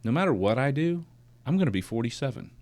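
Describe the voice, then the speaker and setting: A man's voice: medium pitch, very animated, quick pace, a little mellow. A man in his forties hosting a conversational podcast, reflective and building to emphatic points. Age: 40s. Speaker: podcast host. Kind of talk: casual conversation.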